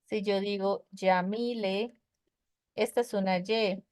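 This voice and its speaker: A woman's voice: mid-range voice, steady tone, slow, darkish tone, no echo. A woman teaching an English grammar class online, explaining patiently and checking with her students as she goes. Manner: patient, explains step by step with many checking questions. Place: online web conference class.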